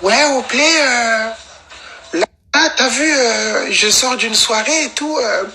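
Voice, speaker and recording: Brief: a man mimicking a huffy young woman, high-pitched, whiny and full of hesitations. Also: takes it slowly, bright, forceful tone, faint music behind, full character voice. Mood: pleading. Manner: squeaky, stammering falsetto.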